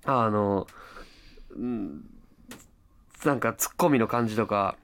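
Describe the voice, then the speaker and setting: A man's voice: lowish voice, slow pace, gravelly, a bit bright. A young man with a Kansai accent, co-hosting a casual comedy radio chat and rambling through stories while acting out the lines of the people in them. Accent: Kansai Japanese. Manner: rambling, acts out quoted exchanges. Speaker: comedian co-host.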